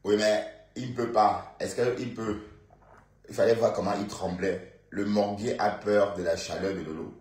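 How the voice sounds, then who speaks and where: Chatty Congolese man, low, echoey. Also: fairly even intonation, a little slow, a little mellow. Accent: Bandundu Congolese French. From Bandundu, Congo. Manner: chatty, rambling, with many fillers, asides to viewers. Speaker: live-stream commentator. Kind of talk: casual live-stream gossip commentary.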